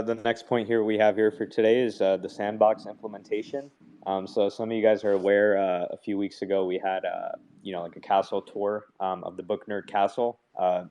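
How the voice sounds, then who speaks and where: A man on a project team explaining updates in a live audio chat, relaxed and full of fillers. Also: fairly low pitch.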